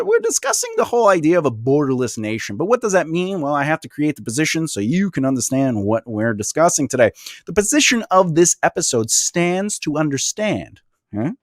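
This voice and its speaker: A man hosting and moderating a roundtable talk show, joking with his guests and now and then putting on a deep radio voice. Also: dry recording. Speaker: host and moderator. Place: small studio set with a table and backdrop.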